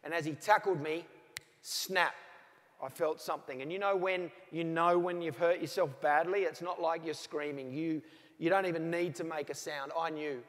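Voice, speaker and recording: High-voiced Australian man in a reverberant hall. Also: fairly even intonation, moderate pace, fairly bright tone. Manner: storytelling, acts out both sides of remembered phone calls. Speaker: motivational speaker. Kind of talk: motivational keynote speech. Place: large hall with audience.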